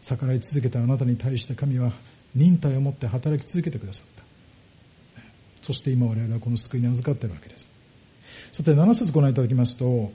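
A pastor preaching a sermon, explaining step by step and putting rhetorical questions to the congregation. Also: male voice, mid-range voice, warm tone, muffled recording.

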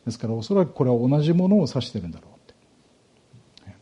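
A man preaching a sermon, explaining a Bible passage in a measured, explanatory way with rhetorical questions to his listeners. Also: medium pitch, sing-song, mellow, slightly rough. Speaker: pastor.

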